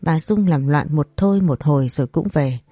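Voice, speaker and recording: A woman narrating a first-person story in a steady, even reading. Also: low voice, normal speed, slightly rough, no room sound.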